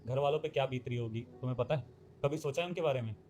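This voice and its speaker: A man's voice: mid-range voice, rapid-fire, a little mellow, dull audio, a little hiss or hum, close to an everyday voice. A man playing a kind office worker from the city who questions and lectures a runaway couple, in a scripted short drama. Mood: stern. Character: kind city man, stern but caring.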